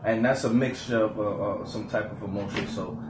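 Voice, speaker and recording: A man's voice: lowish voice, steady tone, fairly quick, roomy sound, background noise. A man co-hosting a podcast in casual chat, earnest, restarting his sentences as he makes a point. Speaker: podcast co-host.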